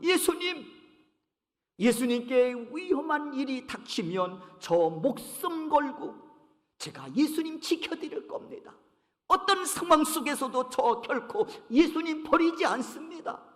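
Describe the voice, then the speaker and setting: A man's voice: very high-pitched, animated, a little slow, long pauses, bright, forceful tone, big-room sound, pitched above the performer's own voice, heavily acted. A man voicing Peter as an eager, impulsive disciple who protests and boasts. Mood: boastful. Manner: pleading and boastful.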